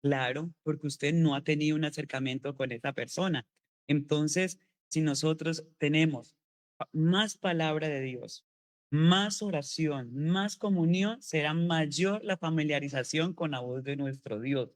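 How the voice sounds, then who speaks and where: A middle-aged woman preaching a sermon to her congregation. She talks in a relaxed, conversational way, asks one rhetorical question after another and keeps checking in with a quick tag question. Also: low-pitched.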